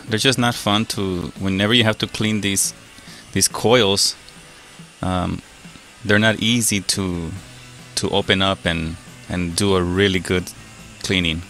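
Low-voiced HVAC tech talking while working. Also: male voice. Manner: relaxed, explains step by step with fillers. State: a little out of breath from wearing a mask. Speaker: HVAC technician. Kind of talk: casual how-to narration while working. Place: house basement and yard, on a service call.

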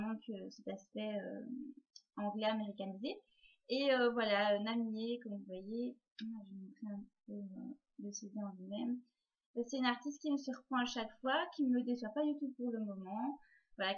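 Chatty woman blogger, slightly high voice. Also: highs cut off. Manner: chatty, with frequent hesitations and repeated words. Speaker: book blogger. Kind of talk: casual year-in-review vlog.

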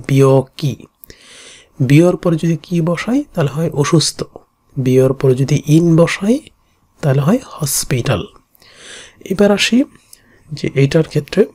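A teacher explaining Japanese kanji in Bengali with a Bangladeshi accent, repeating each reading slowly and going through it stroke by stroke. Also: medium pitch, dark tone, breathy edge.

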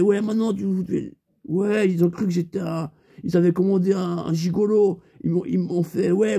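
A man tells a rambling comic story in loose street slang and acts out the back-and-forth of the conversation himself. His voice sits high for a man, yet its tone stays very dark and mellow. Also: gravelly. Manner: rambling street-slang banter, acting out both sides of the dialogue. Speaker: comedian.

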